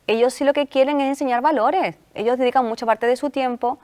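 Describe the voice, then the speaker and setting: A woman with an Andalusian Spanish accent, a sports psychologist speaking as a guest on a talk show, telling animated stories and acting out the coaches she quotes. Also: sits high, brisk.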